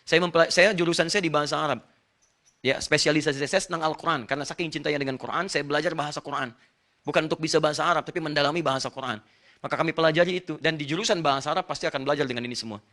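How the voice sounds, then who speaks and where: A male preacher lectures with bright, forceful energy and a rather high voice. He explains point by point and turns often to address his listeners directly. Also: very fast. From Indonesia. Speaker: Islamic preacher. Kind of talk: religious lecture.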